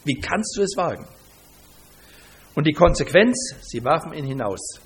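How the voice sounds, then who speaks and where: A man's voice: fairly high pitch, expressive, measured pace, husky. A man preaching a sermon, retelling a scripture story in an emphatic way and asking rhetorical questions.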